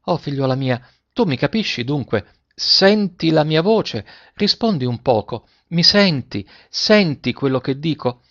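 A man's voice: mid-range voice, animated, normal speed, hardly any pauses, fairly bright tone, no echo, muffled recording. A man reading an audiobook voices an emotional middle-aged gardener who pleads and exclaims. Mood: bewildered. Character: grieving, overjoyed middle-aged gardener father.

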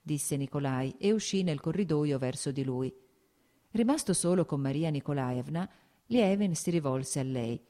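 A woman narrating a classic novel as an audiobook in a steady, measured reading. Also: deep voice. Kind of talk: scripted narration.

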